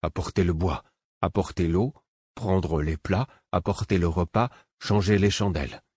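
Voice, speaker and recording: A man voicing a simple-minded male servant, talking slowly and childishly in a singsong way. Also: sits low, darkish tone, breathy edge, no echo, studio quality. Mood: plodding. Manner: slow singsong, halting childlike speech.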